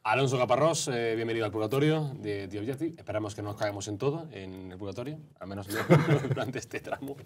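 A man hosts an interview, teasing his guest and nudging him along with quick remarks. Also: on the low side, music in the background. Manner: brief encouraging backchannels, teasing. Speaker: interviewer host. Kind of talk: conversational interview.

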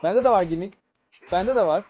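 A player giving live commentary over their own fighting-game matches, excitable and swearing at the opponent constantly. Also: medium pitch, moderate pace. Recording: muffled lo-fi mic with faint hiss.

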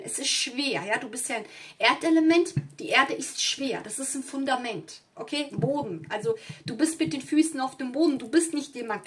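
A little hiss or hum sits under the voice of a tarot reader whose voice sits high with a fairly bright tone. Not a native German speaker, she reads casually and ramblingly, with many fillers and asides, at an indoor table with candles and flowers.

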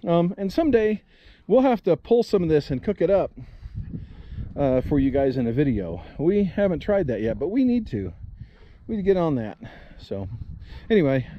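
A man chats casually in a homestead vlog, folksy and rambling with frequent ums and uhs. He is recorded outdoors on dry, windy land. The sound is slightly dull, with faint noise behind him. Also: fairly high pitch. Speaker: homesteader vlogger.

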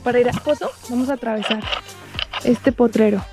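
With music playing behind her, a young travel vlogger who teaches Spanish chats outdoors through a small town and countryside, explaining a grammar point. She talks a little fast in a slightly high voice.

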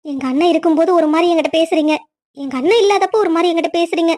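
A gentle young cartoon heroine, voiced by a woman, meek and soft-spoken with a high voice. She pleads rather than argues. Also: very fast. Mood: pleading. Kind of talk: cartoon story voice acting.

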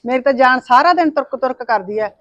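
A woman's voice: high voice, quick pace, fairly bright tone, dry recording, muffled recording. An older woman playing a worried mother caught between her son and her daughter-in-law, pleading and fretful. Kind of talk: Punjabi short film acting.

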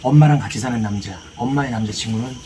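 A man chatting casually as he retells a film story, acting out the dialogue in rough slang. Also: medium pitch, fast. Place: outdoor fishing spot. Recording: clear outdoor ambient noise.

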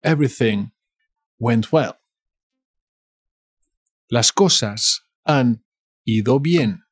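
A man with a Castilian Spanish accent teaching a language lesson, repeating each phrase slowly and explaining grammar in asides. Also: medium pitch, breathy edge, no echo, studio quality. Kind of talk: slow bilingual phrase lesson.

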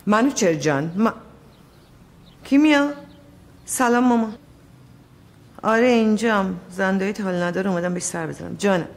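An actress playing a woman who soothes a distraught mother and gives brisk directions on the phone, in a TV drama scene. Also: medium pitch, a little hiss or hum, natural voice. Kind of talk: TV drama dialogue. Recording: drama score under the dialogue.

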